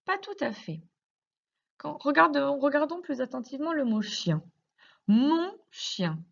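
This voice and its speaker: A woman teacher explaining grammar to young children in slow, careful speech, asking many questions. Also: high voice, big pitch swings, vocal fry, muffled recording. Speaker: primary school teacher.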